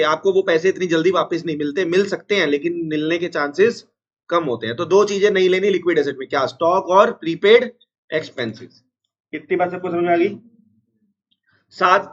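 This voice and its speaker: Casting: high-voiced man teaching accounts, sounds unwell, dull lo-fi recording. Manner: repeats formulas slowly, scolds chattering students. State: unwell, strained chest. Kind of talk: classroom lecture.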